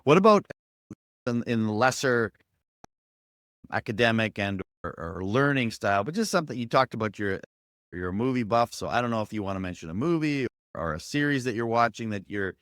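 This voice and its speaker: A podcast host on a video call asks questions encouragingly, often restarting his sentences in this casual interview chat. His voice is fairly low, expressive and a bit bright, moving a little fast on a dry, studio-quality recording.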